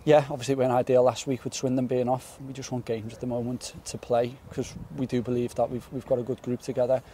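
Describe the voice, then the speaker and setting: A footballer in his twenties gives a post-match interview outdoors on a floodlit pitch at night, earnest and repeating words as he thinks. He talks fast in a level, warm tone, with slight background noise and faint outdoor stadium ambience.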